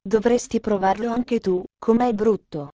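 A woman's voice: mid-range voice, steady tone, unhurried, dark tone, dry recording, dull audio, lightly acted. A woman voicing an eager, cheerful little mountain girl in a storybook reading. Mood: earnest.

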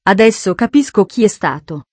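Woman doing a scared old housekeeper lady, soft and hesitant, storybook. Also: mid-range voice, big pitch swings, moderate pace, no room sound. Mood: fearful.

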